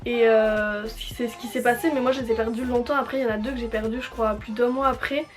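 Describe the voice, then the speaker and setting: Fast-talking young woman, casual storytime. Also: a little high, fairly even intonation. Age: teenager or young adult. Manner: informal, youthful slang. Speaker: vlogger telling a personal story.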